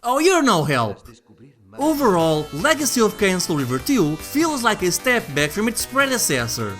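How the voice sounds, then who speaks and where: A man's voice: high-pitched, bright, forceful tone. A man narrating a scripted video game review as its host, conversational and wry. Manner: conversational, wry, jokey asides. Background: background music.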